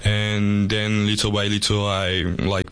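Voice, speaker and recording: Young French-accented man, low voice. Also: completely flat delivery, a little slow, fairly bright tone, clear, resonant tone. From southwest France. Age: 20s. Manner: hesitant, many fillers and restarts. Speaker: soccer goalkeeper guest. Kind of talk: casual interview answers.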